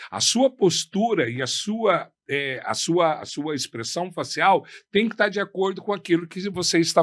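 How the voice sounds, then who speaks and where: A male professor teaching a class, his pitch rising and falling with animated energy. He speaks in a slightly high voice and keeps throwing rhetorical questions to the room. The sound is close and dry. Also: dry recording. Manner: didactic, asks the audience rhetorical questions; uses his hands a lot while talking. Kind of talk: lecture on negotiation.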